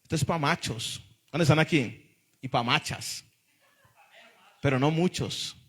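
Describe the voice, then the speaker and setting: A man's voice: on the high side, measured pace, fairly bright tone. A man, a pastor preaching a sermon to a congregation in church, emphatic and often calling out to the listeners.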